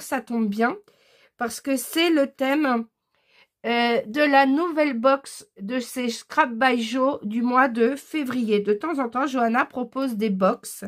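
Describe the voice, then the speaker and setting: A woman chatting casually through a craft-supply haul, enthusiastic and full of hesitant fillers. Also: fairly high pitch. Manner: enthusiastic about craft items. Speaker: scrapbooking vlogger. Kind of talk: casual haul chat, showing purchases.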